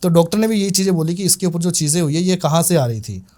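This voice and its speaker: A man's voice: fairly high pitch, lively intonation, fast, a little mellow. A man with a slightly raised voice tells a long case story in loose, everyday speech. He circles back and repeats himself and leans on fillers as he goes. He talks like a practitioner recounting his own work. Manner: rambling, repetitive retelling with many fillers. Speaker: tantrik guest telling a case. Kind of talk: casual spoken storytelling.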